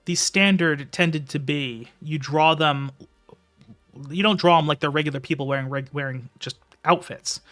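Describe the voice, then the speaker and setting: Guy streaming a book reading, rambly casual talk with lots of ums, slightly high voice, faint music behind. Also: pushed and bright. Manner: casual, rambling, with filler words. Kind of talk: live reading and casual commentary.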